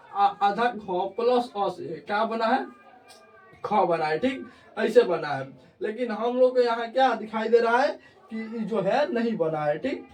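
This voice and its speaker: A young man teaching a grammar lesson online, often pausing to check that students follow. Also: high voice, darkish tone, recorded from a distance. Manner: repeats checks of understanding.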